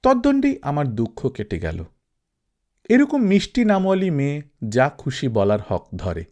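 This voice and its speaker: A man narrating a literary story aloud, with expressive reading. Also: medium pitch. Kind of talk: audiobook narration.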